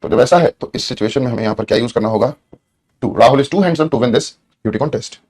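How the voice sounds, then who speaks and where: A man's voice: mid-range voice, a little fast, darkish tone, slightly rough. A man teaching an English grammar lesson, repeating points and asking students questions. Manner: repetitive, asks students questions, stretches words when dictating. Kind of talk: exam-prep grammar lesson.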